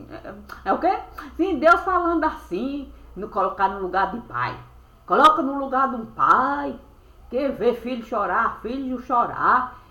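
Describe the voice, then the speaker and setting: A woman telling a spiritual story as a monologue, in rhyming, sing-song phrases that end on drawn-out verbs, recorded on a webcam. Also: fairly high pitch, pushed and bright, dull audio. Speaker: storyteller recounting a spiritual experience. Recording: echoey room.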